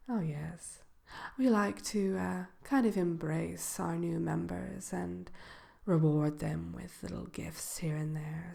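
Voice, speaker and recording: A woman voicing the Wicked Witch as a haughty yet gracious shopkeeper in a soft ASMR role-play, genteel and coy, often slipping into a whisper. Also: fairly low pitch. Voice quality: creaky, breaking into whisper. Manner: unhurried, hesitant pauses, genteel, coy.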